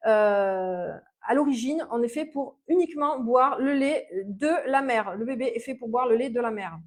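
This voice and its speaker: A woman's voice: fairly high pitch, moderate pace. A woman with a Mediterranean French accent giving casual health and diet advice as a naturopath, talking freely with many fillers and restarts and checking in with "ok?". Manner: chatty, many fillers and restarts, stresses points with "ok?". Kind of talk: informal health advice video.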